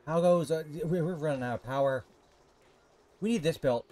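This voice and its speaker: Man, gameplay commentary, high-pitched, frantic, exasperated, swears at the game. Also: normal speed, warm tone. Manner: frantic, exasperated, talks to himself; scolds in-game characters, swears. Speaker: gaming streamer.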